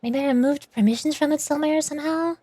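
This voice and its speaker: A woman with a high, dark-toned voice talks fast while livestreaming a game as a VTuber, chatting playfully, muttering to herself, and reading game dialogue aloud. The recording is dry.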